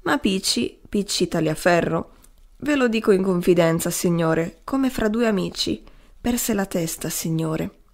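A woman's voice: lowish voice, animated, unhurried, vocal fry. A woman voicing a broken, grieving old male adventurer who rambles and keeps pleading "sir" at his listener. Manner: pleading, repeating "signore".

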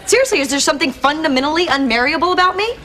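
A woman's voice: high voice, lively intonation, rapid-fire, sharp tone. A plaintive young single woman. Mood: worried. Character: young woman, anxious, self-doubting single. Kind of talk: sitcom acting.

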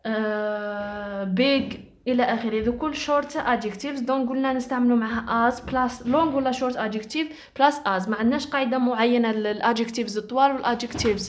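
A woman with an Algerian Arabic accent giving an exam revision lesson. She explains quickly with frequent hesitation sounds, then spells out the examples slowly. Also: on the high side, a little hiss or hum. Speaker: teacher.

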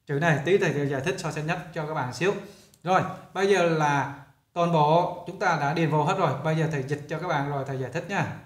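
A male English teacher, explaining a lesson in a chatty way and often repeating himself. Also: a little high. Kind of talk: casual classroom explanation. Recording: roomy echo.

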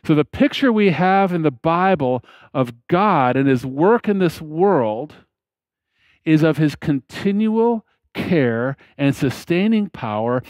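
A man in his fifties preaching a sermon from a church lectern on a headset mic, slow and deliberate, with emphatic pauses and phrase ends that fall away. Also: fairly high pitch, darkish tone, dry recording. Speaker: pastor. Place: church platform behind a lectern, indoors.

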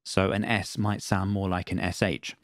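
Deep-voiced guy walking through a mixing tutorial, dry close sound, methodical. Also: level tone, normal speed, no room sound. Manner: plain, methodical explaining with repeated test phrases. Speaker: audio engineering tutor. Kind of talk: screen-recorded software tutorial.

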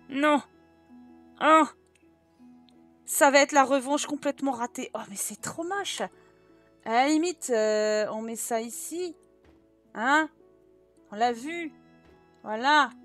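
High-pitched woman, frantic self-mocking game commentary, exclamatory, faint music behind. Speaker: gaming YouTuber. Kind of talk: timed build challenge commentary.

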